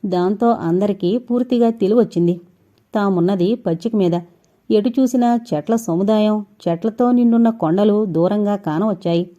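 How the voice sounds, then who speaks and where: A woman narrating a suspense audio novel with steady, suspense-building storytelling. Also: mid-range voice, moderate pace. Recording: dull lo-fi recording.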